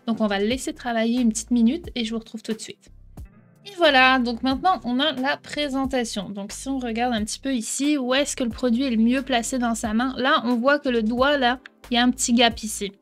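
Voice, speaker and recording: A woman hosting a casual software tutorial, explaining step by step and checking in with the viewer often. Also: on the high side, a little fast, faint music behind. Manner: chatty, explains step by step, keeps asking "d'accord?". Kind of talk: casual screen-recording tutorial.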